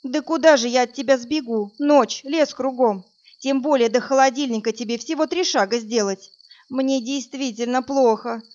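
A woman's voice: high-pitched, moderate pace, lo-fi sound, voice pushed up, close to an everyday voice. A woman voicing a frightened but defiant young captive woman in a read-aloud crime story. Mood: pleading. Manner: pleading then sharp, tense.

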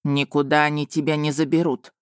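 A brash young werewolf man, as the woman narrating puts him on, speaking a little lower and breathier than her own voice. The tone sits low, and the dry, close sound has no room around it. His words slow right down whenever he is shaken. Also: level tone, smooth, no echo, natural voice. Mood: assured. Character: young male werewolf, brash then fawning.

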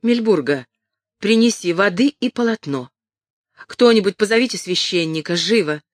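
A reader voicing a spirited young noble lady who gives sharp, commanding orders. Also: mid-range voice, animated, moderate pace, dry recording, studio quality, close to an everyday voice. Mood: urgent. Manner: sharp, imperious calls.

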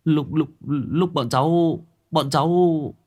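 A man's voice: takes it slowly, warm tone. A man voicing a frightened young village thief who stammers and whines as he begs for mercy. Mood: stammering. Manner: high, whiny, stammering pleas. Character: whimpering young village thief, male, pleading.

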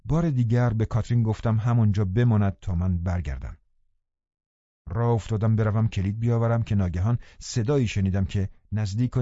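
A man narrating a novel as an audiobook, calm and measured. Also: fairly low pitch, dry recording. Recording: dull dry studio recording.

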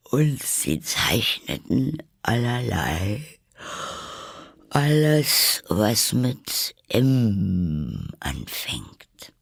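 A man reading a storybook aloud, voicing a sleepy, grumbling dormouse who tells a story slowly. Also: sits low, sing-song, creaky, a bit bright, husky, no echo, clean studio sound, full character voice. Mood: drowsy. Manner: slow, drowsy, grumbling.

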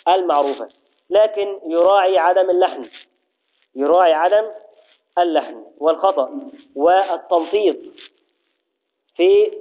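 A man teaching a religious lesson, explaining step by step, reciting formulas slowly and often checking that his students follow. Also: high-pitched. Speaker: Islamic jurisprudence teacher. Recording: tinny phone-like audio.

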